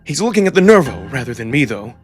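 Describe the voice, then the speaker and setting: Very animated and quick, a mid-range male voice carries a first-person visual novel narration with theatrical immersion. He works as the narrator and voice performer, and music sits beneath his speech.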